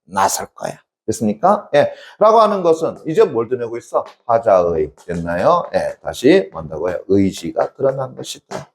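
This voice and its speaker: Animated man lecturing, quizzing himself. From South Korea. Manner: asks constant check questions and answers himself; acts out poem lines with sudden high dramatic dialect. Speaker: academy literature teacher. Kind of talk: exam-prep lecture.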